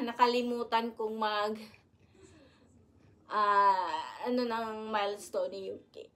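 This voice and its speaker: A woman's voice: a little high, a bit bright. A young woman vlogging at home as a mother, chatting casually to her phone camera and cooing baby talk to her infant. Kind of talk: casual vlog chat. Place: home indoors.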